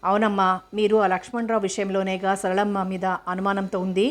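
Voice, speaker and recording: A woman voicing a loyal, devoted housemaid who speaks softly and respectfully. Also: medium pitch, little pitch movement, brisk, lightly acted. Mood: pleading. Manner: soft, respectful pleading.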